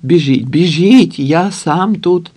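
A man's voice: a little high, takes it slowly, darkish tone, husky, voice pushed up. A man voicing a blunt, cocky young mechanic who talks curtly in slang.

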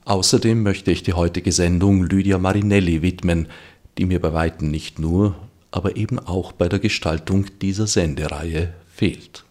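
A man hosting a radio reading series, speaking in a formal, measured, scripted way. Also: low-pitched, fairly even intonation, a little mellow. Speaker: radio host.

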